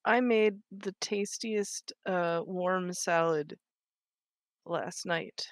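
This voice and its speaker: A young woman co-hosting a gaming video, chatting casually and warmly about food while they play. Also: fairly low pitch, drawn-out words, no echo. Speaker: co-host of a gaming channel. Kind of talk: casual chat while playing a game.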